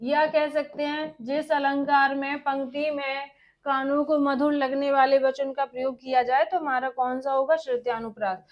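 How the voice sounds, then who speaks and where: A woman's voice: high-pitched, level tone. A woman teaching an exam-prep grammar lesson, dictating and repeating phrases so students can write them down, and answering her own questions. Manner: dictating slowly, repeating phrases for note-taking.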